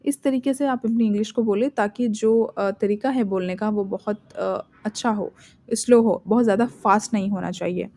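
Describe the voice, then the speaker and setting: A woman with an Indian accent teaching spoken English in Hindi, reading English example sentences slowly and deliberately. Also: medium pitch, warm tone.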